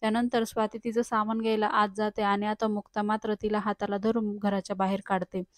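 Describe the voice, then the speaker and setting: A woman retelling a TV serial episode in a steady, matter-of-fact storytelling manner. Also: medium pitch, a little fast, no echo, clean studio sound. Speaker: serial recap narrator. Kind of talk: casual storytelling recap.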